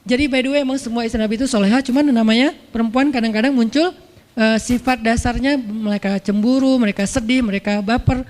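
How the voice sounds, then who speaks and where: A male preacher giving a casual, storytelling sermon, colloquial and lively, acting out the people in his story. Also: very high voice, quick pace. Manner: colloquial, lively, acts out characters' voices. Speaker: Islamic preacher. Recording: long hall reverb.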